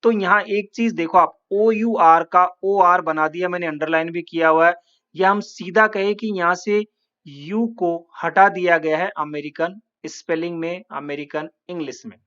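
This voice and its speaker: A man from India teaching a calm, patient lesson and spelling words out letter by letter. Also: high-pitched, normal speed, clear, resonant tone, muffled recording. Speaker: English teacher. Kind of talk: classroom lesson.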